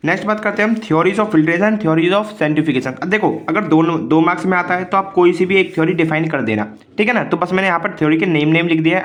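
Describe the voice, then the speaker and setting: Male pharmacy tutor, higher voice, self-questioning explainer. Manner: explains step by step, asks and answers his own questions; reads English definitions slowly, then explains quickly. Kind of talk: exam-prep lecture.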